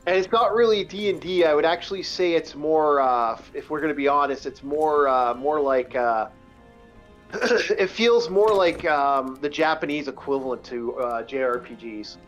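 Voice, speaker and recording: A man's voice: a little high, animated, normal speed, dull audio, soft background music. A man casually chatting about fantasy games on a live stream, rambling and swearing freely. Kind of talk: casual chat while gaming.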